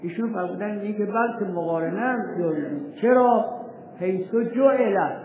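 Male law teacher, high voice, rhetorical questions, tinny phone-like echoey hall recording. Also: a little hiss or hum. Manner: reads old texts slowly and deliberately. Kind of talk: seminary lecture.

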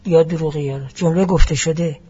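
A man giving a classroom lecture as a seminary teacher, explaining each point deliberately and mixing in Arabic phrases. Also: fairly high pitch, steady tone, dark tone, husky, highs cut off.

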